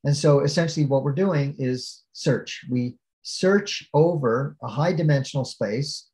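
A man's voice: mid-range voice, measured pace, darkish tone, poor audio. A man giving an academic keynote lecture over a video call, explaining step by step with frequent fillers and restarts. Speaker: keynote speaker.

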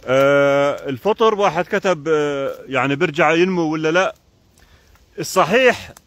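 A man's voice: on the high side, fairly bright tone. A man with a Jordanian Arabic accent chatting casually on a live stream while foraging outdoors in a forest, keeps pointing things out to the viewer.

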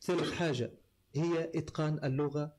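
A man's voice: on the high side, fairly even intonation, normal speed, a little mellow. A man with a Tunisian accent, a voice-over artist speaking as an interview guest, explaining his craft point by point with many fillers. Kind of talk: casual interview talk.

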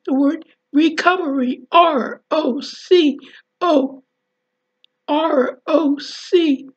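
A woman author reads her childhood memoir aloud and then closes with a presentation. She talks slowly and deliberately in a very high voice, spelling out details letter by letter. The recording is dull and lo-fi. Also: darkish tone. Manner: slow, deliberate, spells words out. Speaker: author and speaker.

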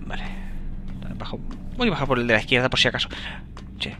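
A young man with a Spain Spanish accent giving let's play commentary, excitable, swearing and yelling at enemies as he plays. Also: mid-range voice, fast. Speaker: gamer.

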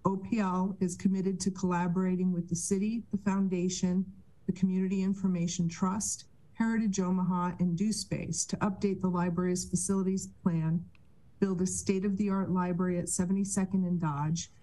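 A middle-aged woman speaks over a video call from home, reading a formal statement in a measured way. Her voice sits a little low and sounds mellow and soft-edged. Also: little pitch movement, low-quality recording. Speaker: public testifier. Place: home room with bookshelves.

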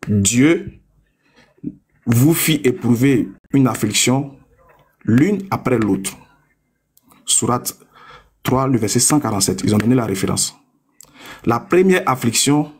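A young man in a combative live-stream debate, taunting his opponents and reading a source text aloud slowly and deliberately. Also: medium pitch, darkish tone, slightly rough. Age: young adult.

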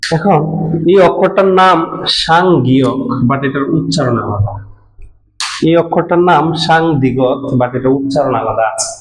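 A man's voice: mid-range voice, normal speed, reverberant, rough recording. A man teaching a language class, explaining letter sounds patiently and repeating each one step by step. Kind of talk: classroom lesson.

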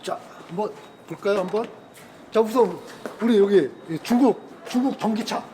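A man's voice: high voice, moderate pace, warm tone, slight background noise. A middle-aged man hosting a casual car demonstration, chatty and exclaiming, grumbling at carmakers as he shows the gear. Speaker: car channel host. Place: outdoors in a parking lot beside cars.

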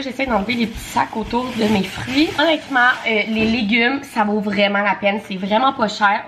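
A woman's voice: mid-range voice, fairly bright tone, a little hiss or hum. Chatty Québécois woman vlogging. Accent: Québécois French. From Quebec, Canada. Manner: chatty, many fillers and asides. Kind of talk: casual vlog chat.

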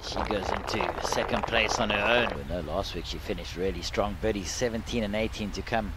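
A man's voice: fairly low pitch, a little fast. A man giving live golf commentary as a tournament commentator. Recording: loud outdoor noise, crowd behind. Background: loud outdoor course ambience.

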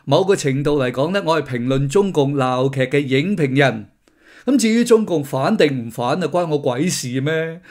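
A man's voice: on the high side, expressive, moderate pace, a little mellow. A middle-aged man, hosting a casual political commentary with sardonic, mocking asides. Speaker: host of a commentary channel.

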